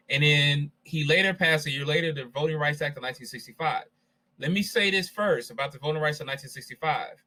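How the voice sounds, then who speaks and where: A man's voice: a little high, sharp tone, rough recording. A man teaching a class, lecturing in a conversational way and addressing his students directly.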